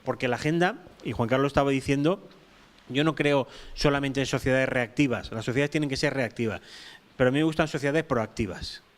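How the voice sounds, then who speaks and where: A man's voice: mid-range voice, brisk. Emphatic man at a panel. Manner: emphatic, repeats points, many restarts. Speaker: panel speaker. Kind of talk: round-table talk.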